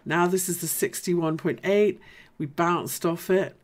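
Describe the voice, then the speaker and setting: A woman hosts a live market analysis stream in a deep, low voice, keeping a measured pace. Her style is chatty and casual, and she thinks out loud as she covers each point.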